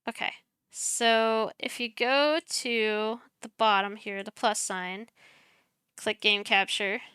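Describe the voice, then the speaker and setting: A young woman on a headset walks viewers through setting up a stream in a casual screen-share tutorial, chatty, soft-spoken and self-deprecating, muttering as she clicks. Her medium-pitched voice is bright, very clear and steady, and she goes slowly. The sound is close and dry with no room sound.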